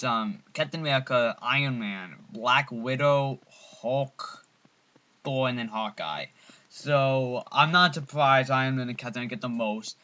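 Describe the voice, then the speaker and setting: A man with a bright, forceful voice talks through a movie review in a loose, unscripted way. He stumbles and restarts often, filling the gaps with ums while staying eager about the film. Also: medium pitch. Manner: rambling, full of ums and restarts; enthusiastic fan. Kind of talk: casual spoken film review.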